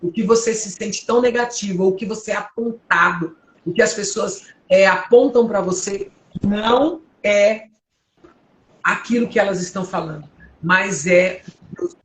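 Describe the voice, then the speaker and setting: Woman, 50s, from Brazil; deep powerful voice, earnest preacher's testimony, echoey home room with faint hum. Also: normal speed. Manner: earnest, emotional, exhorting listeners.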